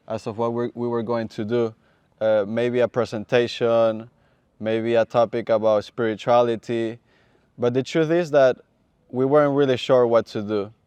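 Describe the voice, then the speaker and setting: A man from Venezuela, a seminarian calmly explaining in a measured, thoughtful way. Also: mid-range voice, clean tone, dry recording, dull audio. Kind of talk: casual explanation.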